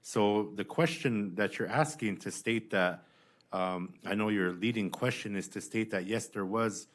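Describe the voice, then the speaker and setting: Low-pitched man testifying, halting and insistent. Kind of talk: spoken testimony, answering questions.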